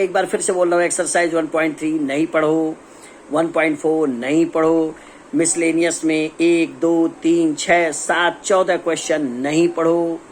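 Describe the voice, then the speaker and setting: Chatty Indian maths teacher. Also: male voice, on the high side, a little hiss or hum. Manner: chatty, teasing, voices students' questions himself. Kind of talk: casual exam-prep lesson.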